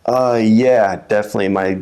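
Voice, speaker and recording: Very deep-voiced young man, halting. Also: fairly even intonation, mellow, smooth. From USA. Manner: halting, repeats words, laughs often. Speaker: guest, telemark ski racer. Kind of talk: casual interview.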